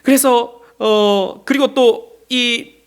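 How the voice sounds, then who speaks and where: A middle-aged man from South Korea preaching a Sunday sermon as pastor, speaking gently and then building to emphatic stresses, sometimes acting out quoted lines. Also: extremely high pitch, steady tone, drawn-out words, clean tone. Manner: gentle, rising to emphatic, acts out quoted speech. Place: church sanctuary.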